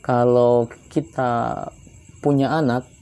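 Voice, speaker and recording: Relaxed man giving religious advice. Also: medium pitch, slow, clear, resonant tone. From Palembang, South Sumatra. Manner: relaxed and chatty, often adds "ya kan" tag questions. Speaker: Islamic religious teacher. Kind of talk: conversational religious advice talk.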